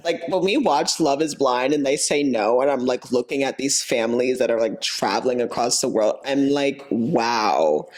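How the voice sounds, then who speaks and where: A woman's voice: extremely low pitch, normal speed, few pauses, darkish tone. A young woman co-hosting a podcast, chatting candidly with her partner, laughing often and filling her talk with "like". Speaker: podcast co-host. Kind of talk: casual chat.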